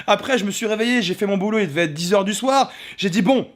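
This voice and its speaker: A young man from France telling casual vlog stories in a hotel room, animated and swearing freely as he acts out the people he quotes. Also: high voice, quick pace. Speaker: gaming vlogger.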